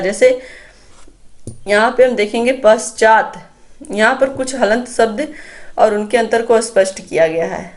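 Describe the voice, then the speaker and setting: Woman teaching a grammar lesson. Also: a little high. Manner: explanatory, addresses viewers as friends, points at slides. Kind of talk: exam-prep Hindi grammar lecture.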